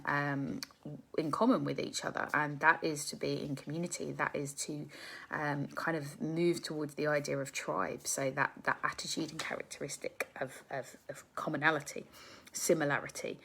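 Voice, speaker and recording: A woman of around forty speaks in a low voice with a gravelly fry. She is a psychotherapist hosting a casual live stream. She thinks aloud, full of ums and questions put to her viewers.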